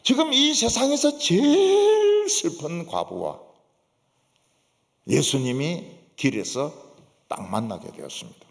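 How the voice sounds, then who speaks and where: A man's voice: on the high side, sing-song, slow pace, gravelly. A male pastor with a Gyeongsang accent preaching in a church, emphatic and full of rhetorical questions and affirming asides. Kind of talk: sermon. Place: church sanctuary. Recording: long church reverb.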